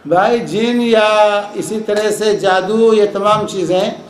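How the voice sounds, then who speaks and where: High-pitched man lecturing in an echoey hall. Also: slow. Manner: calm explanatory, repeats points for emphasis. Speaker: Islamic lecturer. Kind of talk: lecture with audience questions. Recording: echoey hall with faint noise.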